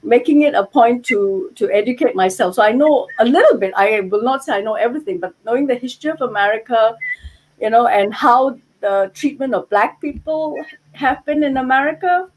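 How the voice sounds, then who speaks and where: Middle-aged woman guest, higher voice, earnest and chatty, headset mic. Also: a little fast, rough recording. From Malaysia. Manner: earnest, many "you know" and "okay" asides. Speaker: guest, yarn dyer. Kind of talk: casual video-call interview. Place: home room with yarn shelves. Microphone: headset on video call.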